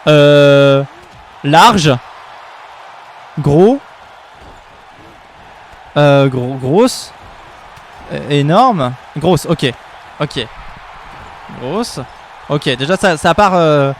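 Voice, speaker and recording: A man's voice: fairly high pitch, expressive, extremely slow, pauses often, slight background noise. A young man co-hosting a live stream, giving playful commentary and teasing his partner. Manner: jokey, teasing, laughs often.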